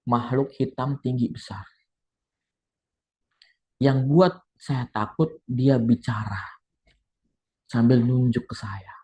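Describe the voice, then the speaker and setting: Man doing a hushed, haunted young woman. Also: mid-range voice, close to an everyday voice. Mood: hushed, frightened. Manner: slow, hushed, halting. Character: frightened young woman pilgrim, haunted and confessing.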